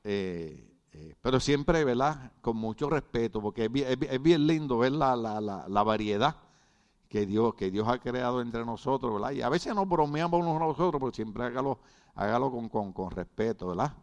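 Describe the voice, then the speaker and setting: A man's voice: medium pitch, expressive, normal speed, darkish tone. A man from Puerto Rico preaching a sermon, joking with the congregation, repeating words and often asking if they are following. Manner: jokey, repeats words, often asks "right?".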